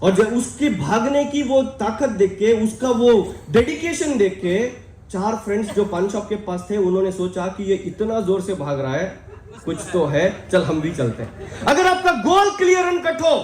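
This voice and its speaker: A man giving an energetic live motivational seminar talk, shouting questions out to his audience in a large hall. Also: high voice, normal speed. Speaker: motivational speaker. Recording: echoey hall with crowd.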